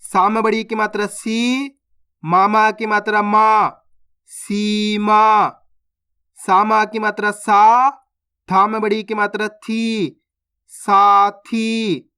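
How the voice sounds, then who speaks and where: A man teaching Hindi reading, sounding out syllables slowly and stretching each word, with quicker explanations between. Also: high voice, level tone, bright, forceful tone, clean tone. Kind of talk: slow phonics lesson, drawn-out syllables.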